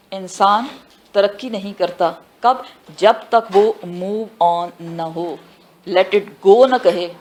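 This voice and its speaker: A woman giving a tafsir lesson who asks her students questions and answers them herself, mixing in English phrases and slowing down for the Arabic words. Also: fairly high pitch. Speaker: Quran teacher. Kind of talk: tafsir class lecture.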